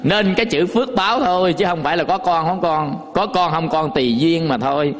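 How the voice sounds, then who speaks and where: High-voiced monk preaching in a reverberant hall. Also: male voice, brisk. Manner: folksy storytelling with rhetorical questions to the audience. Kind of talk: dharma talk sermon.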